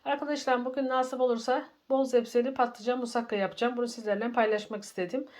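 A middle-aged woman hosting a home cooking tutorial from her kitchen, greeting viewers warmly as friends. She sounds slightly under the weather from a cold. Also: on the high side, fairly even intonation, fast. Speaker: cooking channel host.

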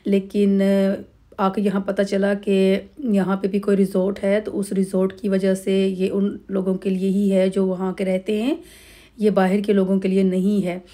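A middle-aged woman from Pakistan, narrating a family holiday vlog over clips in a relaxed, rambling way with many pauses and fillers. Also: medium pitch. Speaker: vlogger.

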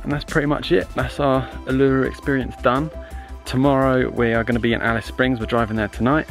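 A young man with a mid-range voice chats briskly and casually to a camera held at arm's length, narrating a travel vlog with loose fillers and some hesitation. He films outdoors at a desert rock site and inside a campervan, with faint music behind him. His manner is relaxed and talkative.

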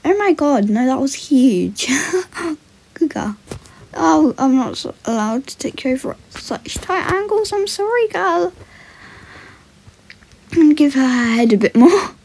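In a voiced role-play video, a young woman rides a horse and offers relaxed vlog-style commentary, pausing to soothe the animal with brief commands and quiet praise. Her high-pitched voice is animated yet a little mellow, and she talks slowly with long pauses.

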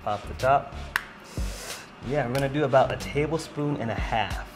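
A man's voice: mid-range voice, normal speed, over music, poor audio. A man in his thirties hosting a cooking show, giving upbeat step-by-step directions to a guest in a home studio kitchen. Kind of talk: instructing a guest while cooking.

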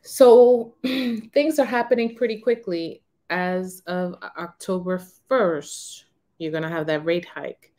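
A woman in her thirties talking frankly to camera in a casual, unhurried way from a small room. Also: on the low side, dark tone. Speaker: vlogger on renting. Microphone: camera in front of her.

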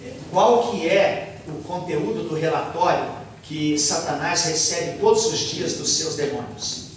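A man's voice: a little high, far from the mic, a little hiss or hum. Man interpreting a sermon in an echoey hall. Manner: halting restarts, fillers while translating. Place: large church hall, indoors. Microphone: handheld mic, filmed by far camera.

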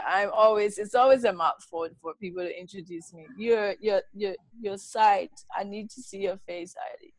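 A tired middle-aged woman from Liberia, giving a relaxed, chatty talk over a laptop video call from a home study. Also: mid-range voice, no room sound. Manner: relaxed, chatty, laughs often. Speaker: guest speaker.

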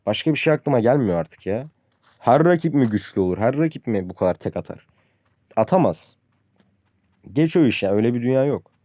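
Young male gaming streamer, irritated ranting commentary, dark mellow tone, dry close sound. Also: mid-range voice, lively intonation, brisk, long pauses, no room sound. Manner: frustrated, ranting about the game; addresses viewers as friends, says "abi" often. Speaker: gaming youtuber. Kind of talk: casual gameplay commentary.

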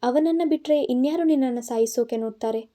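A woman's voice: high voice, fairly quick, mellow, close to an everyday voice. A woman reading the part of an angry, protective young man in an audiobook, scolding and insistent. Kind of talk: audiobook narration.

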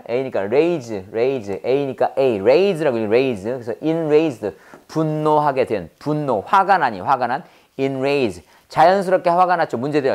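A woman's voice: sits low, darkish tone. A woman teaching English vocabulary in a lecture, repeating each word and using playful sound-alike puns.

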